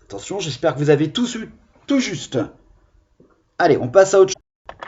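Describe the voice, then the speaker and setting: A male primary school teacher, giving a reading lesson on video and sounding out syllables slowly and carefully. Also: a little high, sing-song, a little mellow. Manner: slow, deliberate, over-articulated syllables. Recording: dull lo-fi sound.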